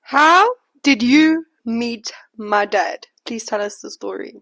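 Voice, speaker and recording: A woman's voice: on the high side, animated, slow pace, fairly bright tone. A woman in her twenties hosting a podcast, interviewing her mother in a playful, teasing way. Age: 20s. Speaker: podcast host. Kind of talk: casual chat.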